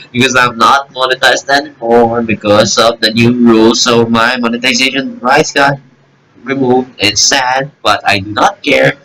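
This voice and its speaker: A man's voice: mid-range voice, steady tone, a little slow, sharp tone, slight background noise, low-quality recording. A young man around twenty chatting alone to his camera, rambling and joking at his own expense, swearing freely. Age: 20s. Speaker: YouTuber reacting to videos. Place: alone in a room.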